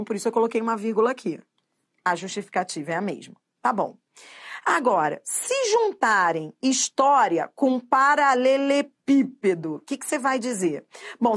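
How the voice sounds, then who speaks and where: A middle-aged Brazilian woman teaching grammar for exams, quizzing listeners with repeated questions and drawing out key terms slowly. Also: a little high. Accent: Brazilian Portuguese. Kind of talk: exam-prep grammar lesson.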